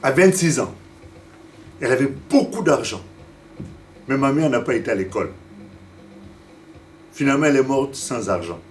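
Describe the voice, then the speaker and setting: A medium-pitched man in his fifties from Africa delivers a Sunday sermon with lively intonation at a moderate pace, leaving long pauses. The pastor stumbles, repeats words while searching for them, and puts questions straight to the congregation. A distant mic captures him with faint room ambience and a little hiss or hum.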